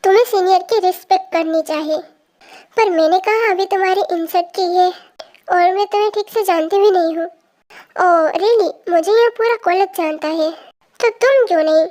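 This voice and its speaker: A woman's voice: very high voice, moderate pace, a little mellow. A woman voicing a jealous, haughty senior college girl in a fan story voice-over, talking down to others and making threats. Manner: condescending and threatening.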